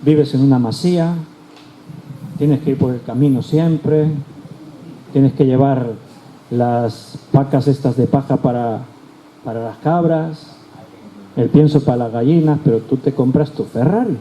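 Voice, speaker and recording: A man's voice: medium pitch, a little slow, pauses often, dark tone, a little hiss or hum. A male pastor, teaching a Bible study. He explains patiently and often repeats or rephrases his key words. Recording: roomy echo with faint background ambience.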